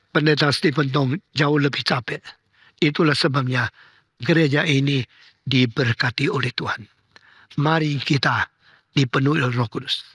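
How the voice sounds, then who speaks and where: A man's voice: fairly high pitch, a bit bright, no echo, studio quality. An older man preaching a sermon as a pastor, telling a story and then exhorting emphatically, with English phrases mixed in.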